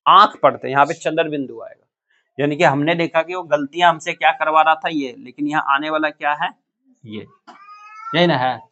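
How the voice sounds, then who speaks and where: A man teaching a classroom lesson, slightly high-voiced, who keeps asking his students questions and repeating their answers back. The recording is dull and muffled, like a cheap classroom capture. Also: pushed and bright.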